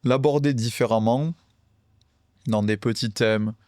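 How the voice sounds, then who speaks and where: A man's voice: medium pitch, measured pace, darkish tone, clear, resonant tone, dry recording, clean studio sound. A man co-hosting a podcast about a card game, talking casually and hesitantly, with many fillers and restarts.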